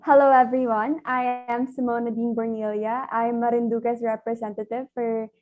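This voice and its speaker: An eighteen-year-old woman from the Philippines, a pageant contestant in her teens, chats eagerly in a video call interview, talking fast, giggling, and laughing often. Her voice is fairly high-pitched with a level, darkish tone, and the video call audio is dull and lo-fi.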